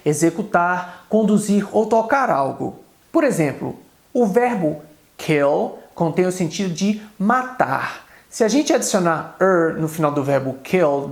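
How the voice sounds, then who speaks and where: Man, Brazilian Portuguese accent, English teacher, video lesson, slow careful examples, echoey room. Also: high voice, gravelly. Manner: explains in quick Portuguese, says English examples slowly and carefully.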